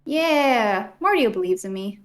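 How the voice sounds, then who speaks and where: A woman's voice: on the high side, expressive, unhurried. A woman co-hosting a game stream, chatty and playful, asking questions as she plays. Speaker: streamer co-host. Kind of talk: casual gameplay chat.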